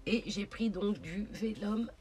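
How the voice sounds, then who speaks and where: A woman's voice: medium pitch, slow, noisy background. A woman hosting a casual crafting tutorial, chatty and hesitant, with many fillers as she talks through her project. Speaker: craft channel host.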